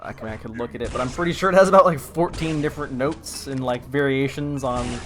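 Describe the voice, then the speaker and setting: A man's voice: medium pitch, fast. A man from North America casting a live esports tournament who rambles with many fillers and restarts, and has the hiccups. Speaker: tournament commentator.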